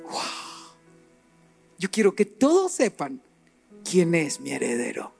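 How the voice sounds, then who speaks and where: A middle-aged man preaching a sermon, animated and rising to emphatic peaks as he acts out little scenes. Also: fairly high pitch, unhurried, creaky, soft background music.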